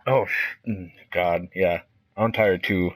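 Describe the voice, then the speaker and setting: A man cohosting a late-night chat with friends, joking, teasing and quick to laugh. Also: low voice, fairly even intonation, poor audio. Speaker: podcast co-host.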